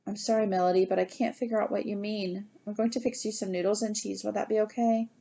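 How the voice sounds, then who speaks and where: A patient father who asks question after question in a gentle, puzzled tone, as a woman reads him aloud. The voice stays light and everyday, a storybook dad rather than a deep character voice. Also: little pitch movement, fast talker, gravelly.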